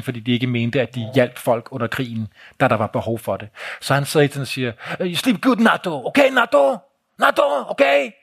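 A man telling a travel story to an audience in a live talk, vivid and blunt, with swearing and pointing out photos. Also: mid-range voice.

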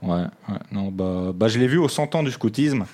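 A man's voice: fairly low pitch, lively intonation, moderate pace, a little mellow. A young man, a radio columnist bantering with the host in a dry, self-mocking way. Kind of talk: casual studio banter.

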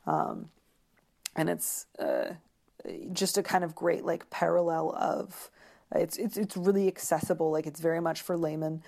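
A woman appears as an interview guest, speaking conversationally while she searches for words, pausing often and repeating herself. Her voice sits low and is animated, with a dark tone.

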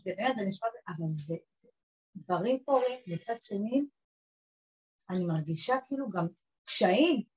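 A woman's voice: long pauses, husky, poor audio. A woman, telling an emotional personal story to a group and acting out the people in it. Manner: emotional, acts out quoted voices, lively swings of pitch and loudness.

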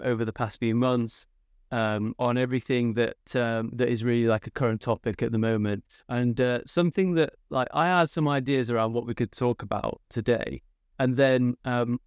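A man hosting a podcast in a relaxed, friendly way, with lots of "um" and "uh". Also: medium pitch, smooth, dry recording, studio quality. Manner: relaxed, filler-heavy, friendly. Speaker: podcast host, co-founder. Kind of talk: casual interview chat.

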